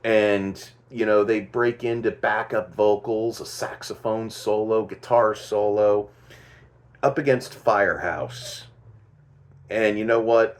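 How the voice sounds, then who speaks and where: Slow, low-voiced man musing about music. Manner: slow, thinking aloud, corrects himself. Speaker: host. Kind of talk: casual music commentary.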